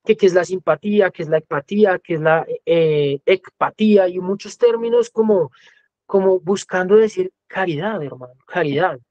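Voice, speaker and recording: A man's voice: sits high, normal speed, a little mellow, dry recording, highs cut off. A man with a Colombian accent giving an educational talk as a music teacher, lecturing conversationally. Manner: conversational lecturing, often acting out quoted voices. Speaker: music teacher, guest speaker.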